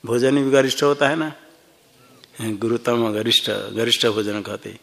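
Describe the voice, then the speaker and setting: Man, slow-paced, Sanskrit grammar teacher, explains step by step, quizzes students. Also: mid-range voice, steady tone, vocal fry, fairly bright tone. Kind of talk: classroom grammar lesson. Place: ashram classroom.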